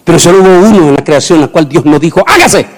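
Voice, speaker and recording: A middle-aged man, preaching a sermon emphatically and rising into shouted proclamations. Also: on the high side, expressive, fast.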